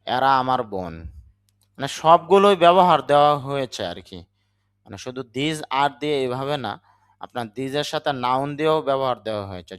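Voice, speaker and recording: A man's voice: mid-range voice, fairly bright tone, smooth. A man with a Bangladeshi accent, a native Bengali speaker, giving a patient spoken English lesson and spelling words out letter by letter. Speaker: English teacher.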